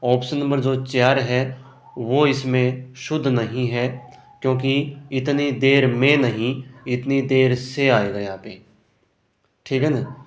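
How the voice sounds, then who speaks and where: A man's voice: medium pitch, steady tone, slow. A man teaching Hindi grammar for an exam, working through answer options and often checking "ठीक है ना". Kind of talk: exam prep lesson. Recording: roomy echo.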